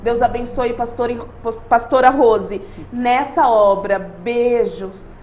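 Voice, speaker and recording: A woman's voice: on the high side, slow, darkish tone. A woman with a Brazilian accent hosting a live online show, speaking fervently and reading out viewer comments. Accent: Brazilian Portuguese. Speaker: host. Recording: echoey room with faint noise.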